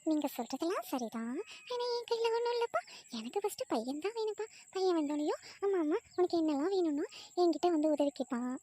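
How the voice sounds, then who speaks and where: Woman playing timid young bride, shy, soft pleading tone, quick. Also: very high-pitched, lively intonation, a little hiss or hum, pitched above the performer's own voice. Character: timid young pregnant wife, sweet and anxious. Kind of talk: family comedy skit acting.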